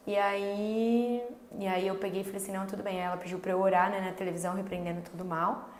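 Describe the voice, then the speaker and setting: A Brazilian woman in her thirties telling a faith story about her son in an earnest, slow, casual way, full of little filler tags. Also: medium pitch, flat delivery. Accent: Brazilian Portuguese. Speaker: mother sharing a faith story. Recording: echoey room with faint background noise.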